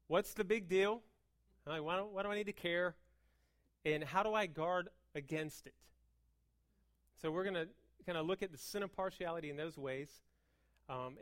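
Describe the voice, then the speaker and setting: An American woman preaching an informal sermon, talking fast in an emphatic, conversational way with repeated words and rhetorical questions. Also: deep voice.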